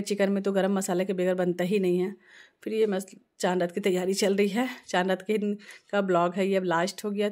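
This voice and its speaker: Chatty Indian woman with flat, even voice. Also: mid-range voice. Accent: Indian Hindi. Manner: chatty, conversational, earnest. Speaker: family vlogger. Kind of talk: casual vlog voice-over.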